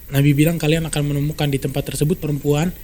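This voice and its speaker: A man telling a story in a casual podcast chat, brisk and animated, acting out quoted dialogue. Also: fairly high pitch. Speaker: storyteller guest.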